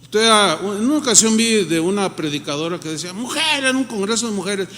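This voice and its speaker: High-voiced Mexican pastor preaching in a hall. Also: male voice, animated, fairly quick, sharp tone. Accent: Mexican Spanish. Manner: conversational preaching, acts out quoted voices. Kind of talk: sermon. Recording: reverberant hall.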